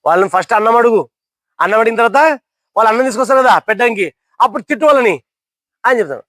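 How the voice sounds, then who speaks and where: A man's voice: extremely high pitch, rapid-fire, a bit bright, no room sound. A young man telling a motivational story to listeners, asking them questions and acting out characters' lines.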